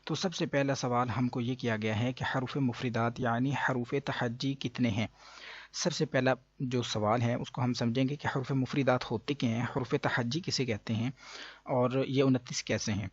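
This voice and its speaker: A man teaching a beginner Quran reading lesson, explaining slowly with pauses and drawing out each letter sound to demonstrate. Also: medium pitch, fairly even intonation, breathy edge, no room sound, highs cut off. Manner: slow and explanatory, with frequent pauses and fillers. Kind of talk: patient spoken lesson.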